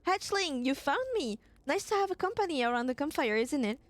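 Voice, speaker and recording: A woman's voice: high-pitched, lively intonation, a little fast, no room sound. A woman reading the lines of a friendly, laid-back alien musician with a put-on accent.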